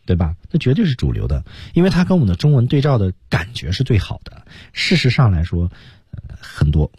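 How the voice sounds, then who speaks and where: A man's voice: wildly swooping pitch, a little fast, a little mellow, husky. A man teaching English on a radio lesson, explaining phrases with emphatic rises and falls. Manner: explanatory, emphatic swings between high and low.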